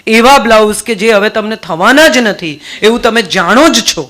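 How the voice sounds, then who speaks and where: A woman's voice: on the high side, normal speed. A middle-aged woman with a Gujarati accent giving a motivational speech to a live audience, telling stories and firing rhetorical questions. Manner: rhetorical questions, storytelling, lively. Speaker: motivational speaker.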